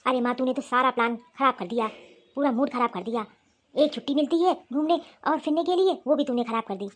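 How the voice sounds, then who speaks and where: A woman's voice: high-pitched, brisk. A woman voicing a young husband who complains and sulks, in a cartoon story. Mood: irritated. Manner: complaining, sulky. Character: young husband, grumbling and irritated. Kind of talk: cartoon voice acting.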